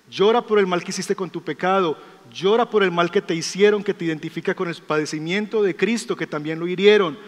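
A man preaching a sermon as pastor, emphatic, asking rhetorical questions and dropping to a softer storytelling voice. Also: high voice. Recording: long hall reverb.

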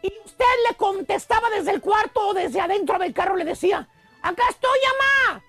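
A Mexican man with a very high, gravelly voice hosts a comic radio show. He tells a teasing story full of exclamations, with faint music underneath. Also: brisk, no echo. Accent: Mexican Spanish.

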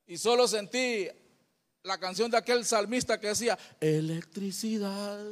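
A man preaching a sermon as pastor, telling lively stories with acted voices and sound effects, calling listeners "brother". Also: high-pitched, normal speed, big-room sound. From Honduras. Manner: folksy, addresses listeners as brother.

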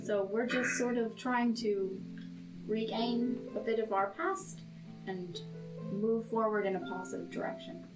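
A woman's voice: a little high, unhurried, rough recording. A woman chatting casually as a player in a tabletop role-playing game. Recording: plucked guitar music behind.

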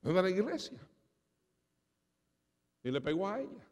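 A pastor preaching a sermon, dramatic, acting out conversations and swinging between loud and soft. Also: male voice, sits high, very animated, measured pace. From Spanish heritage. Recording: reverberant hall.

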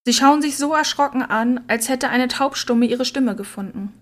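A woman narrating a story in a quiet, subdued reading voice. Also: sits high, moderate pace. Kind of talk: scripted audiobook narration.

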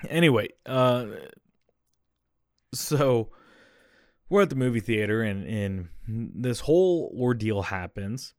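Young dude podcasting solo, rambly, lots of "you know", scratchy dry throat, dead dry sound. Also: male voice, medium pitch, animated, slow, long pauses, no echo. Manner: rambling, conversational, frequent "you know" and "okay?" asides. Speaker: podcast host. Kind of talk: casual solo podcast monologue.

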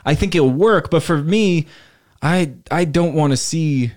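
A man's voice: a little high, measured pace, darkish tone. A man hosting a podcast in casual chat, presenting trivia and games to his co-hosts. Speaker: podcast host.

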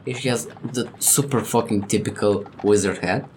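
A man narrating a tabletop game as game master, halting with many fillers, laughing often and swearing casually. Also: fairly low pitch, a little mellow, slight background noise.

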